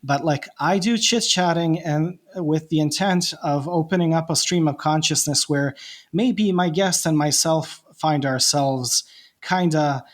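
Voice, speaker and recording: A Bosnian man, a non-native English speaker with a Bosnian accent and a fairly high pitch, talks reflectively in a casual podcast chat, often restarting his sentences. He is a podcast host and guest.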